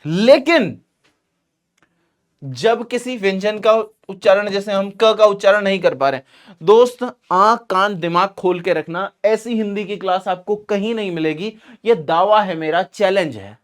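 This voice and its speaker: A man's voice: high-pitched, measured pace. A man teaching a grammar lecture, emphatic and repetitive, often calling the students his friends. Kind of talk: classroom lecture.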